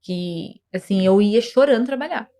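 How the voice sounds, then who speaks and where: A woman's voice: medium pitch, lively intonation, normal speed, mellow. A young woman, earnestly telling a personal story of faith and depression as a podcast guest, with many restarts. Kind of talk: emotional personal testimony.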